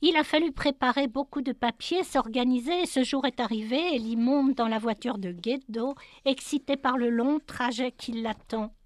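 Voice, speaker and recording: A woman reading a picture book aloud, calmly and carefully, pausing to describe the illustrations. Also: on the high side, no echo.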